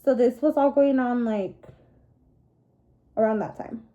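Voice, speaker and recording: Higher-pitched young woman dishing casual gossip. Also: measured pace, muffled recording. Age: young adult. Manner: gossipy, confiding, animated storytelling with girl-talk asides. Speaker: vlogger. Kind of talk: casual storytime chat to camera.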